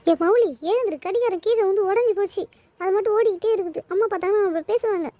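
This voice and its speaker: A woman's voice: very high-pitched, quick pace, mellow, no echo. A woman voicing a mischievous young girl in a cartoon who taunts and gloats at her sister. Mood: worried. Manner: taunting, sing-song gloating. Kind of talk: cartoon voice acting.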